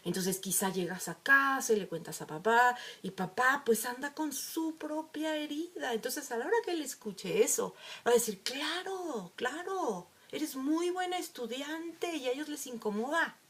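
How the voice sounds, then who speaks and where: A woman's voice: fairly high pitch, moderate pace, hardly any pauses. A woman giving a reflective talk, telling a story and acting out the quoted lines. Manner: storytelling, animated with acted quotes. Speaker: emotional wellbeing speaker.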